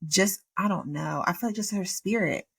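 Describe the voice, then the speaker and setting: A podcast co-host talking in a chatty, animated way and agreeing often. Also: medium pitch, moderate pace, creaky, husky, distant mic. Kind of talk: casual chat.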